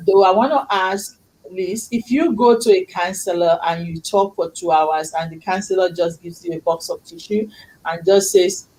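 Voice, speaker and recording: A middle-aged woman, English being her second language, hosts a casual talk show with effusive, faith-filled, preachy speech. Her voice is medium in pitch and a little mellow, heard through poor audio.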